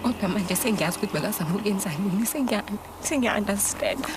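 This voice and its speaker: An actress playing a terrified young woman in a TV drama; urgent, pleading delivery, mid-pitched, heard over heavy noise. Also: expressive, quick pace, natural voice. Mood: urgent, fearful. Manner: urgent, pleading, dropping to whispers. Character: frightened young woman fearing a mob. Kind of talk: TV drama acting.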